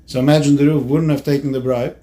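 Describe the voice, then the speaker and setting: Mellow-voiced rabbi telling a story. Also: male voice, mid-range voice, steady tone, quick pace. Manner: casual, conversational storytelling. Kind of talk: storytelling lesson.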